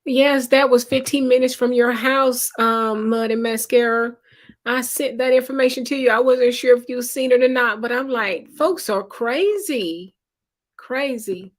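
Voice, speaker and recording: A woman hosting a live stream in a casual, conversational way, greeting viewers by name and reading their chat comments aloud. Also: a little high. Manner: unhurried, conversational. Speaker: livestream host.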